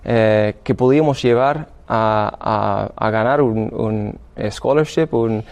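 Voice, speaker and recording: This American man in his 30s, from Illinois and a first-language English speaker, talks in a fairly low, slightly mellow, clean-toned voice. As a seminarian guest giving testimony on a radio interview, he speaks hesitant Spanish with an American English accent, halting and restarting often.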